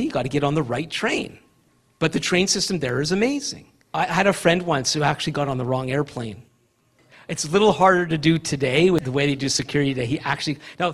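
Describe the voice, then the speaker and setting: Male preacher, earnest and emphatic sermon delivery, pitch a touch high. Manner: earnest, emphatic preaching with mocking quoted asides.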